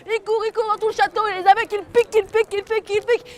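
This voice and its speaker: A woman's voice: very high voice, very fast. A woman storyteller telling a folk tale to children and getting them to join in. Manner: lively, gets the audience to join in.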